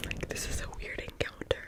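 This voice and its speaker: A woman whispers a rambling, casual ASMR story right up at a close mic. Her whisper is breathy and crackles with fry. When any tone comes through it sits high, and her delivery swings freely as she chats. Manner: chatty, rambling. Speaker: ASMR host. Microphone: close-up mic with fluffy cover.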